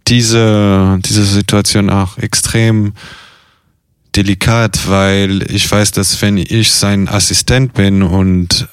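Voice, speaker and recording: A young man speaks in a low, smooth, resonant voice at a very unhurried pace. He hesitates a lot, filling gaps and restarting sentences. The sound is close and dry. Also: flat delivery, dry recording. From half Italian. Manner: slow, hesitant, many fillers and restarts. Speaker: interviewee, circus artist and carer. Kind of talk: casual personal interview.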